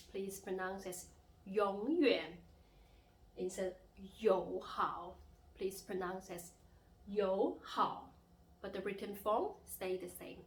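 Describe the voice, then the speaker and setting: A woman's voice: mid-range voice, reverberant, slight background noise. A woman teaching Mandarin tones in a lesson, patiently drawing out each demonstrated phrase. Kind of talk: language lesson with slow drilled phrases.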